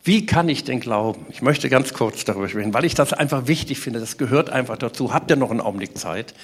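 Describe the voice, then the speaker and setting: A man preaching a sermon to a congregation, animated and asking rhetorical questions. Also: medium pitch, fast.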